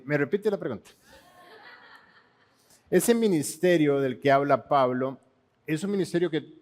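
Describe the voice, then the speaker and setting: A man with a Panamanian accent answering Bible questions in a steady, explanatory way, with occasional restarts. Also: a little high. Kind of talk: church Bible Q&A teaching.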